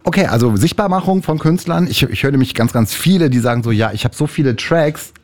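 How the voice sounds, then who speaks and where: A man's voice: medium pitch, lively intonation, quick pace, a little mellow, no room sound. A man hosting a radio music interview in a chatty, playful way. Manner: chatty, playful, switches into English. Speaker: radio host.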